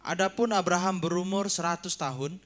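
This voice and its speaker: Man reading scripture, slightly high voice. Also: a little fast, a bit bright. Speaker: scripture reader.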